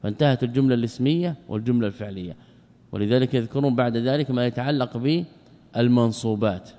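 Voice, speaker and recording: A man, a religious scholar, teaching a class. He asks rhetorical questions, answers them himself, and stretches out words slowly for emphasis. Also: medium pitch, dark tone, long reverb tail. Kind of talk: explanatory lecture.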